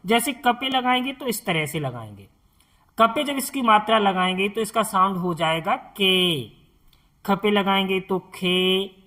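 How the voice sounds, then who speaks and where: A man teaching a slow, step-by-step lesson as a Hindi tutor. He speaks patiently, repeats each sound and quizzes the viewer on it. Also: high voice, bright, forceful tone.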